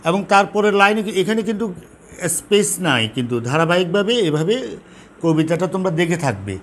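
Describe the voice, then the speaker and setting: A man teaching a lesson on poetic meter, explaining patiently, repeating key terms and counting syllables slowly. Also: high-pitched, very animated, fairly bright tone. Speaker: Bengali literature teacher. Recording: faint background noise.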